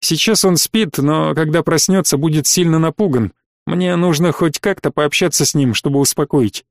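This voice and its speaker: Stern, weary colonel on a warship, clipped commands, read by a man, slightly high voice, dry. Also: moderate pace, no echo, lightly acted. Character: stern weary middle-aged male space colonel.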